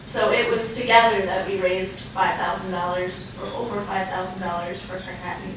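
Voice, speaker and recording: A woman's voice: medium pitch, level tone. Echoey young woman giving an acceptance speech. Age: young adult. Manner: earnest, halting delivery with pauses. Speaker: award recipient. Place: large echoey room, live event. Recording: echoey, noisy room, distant mic.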